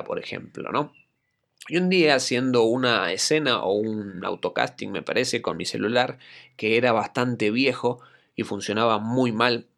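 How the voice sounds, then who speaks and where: A man's voice: medium pitch, creaky, fairly bright tone. A man with an Argentine Spanish accent hosting a solo podcast, telling a reflective personal anecdote in a conversational way. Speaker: podcast host and acting coach.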